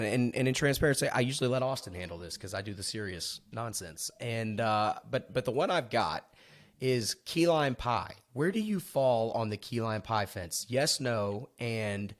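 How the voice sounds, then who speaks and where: A man's voice: mid-range voice, moderate pace. A man hosting a casual business podcast, talking in a rambling, self-deprecating way with frequent restarts. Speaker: podcast host.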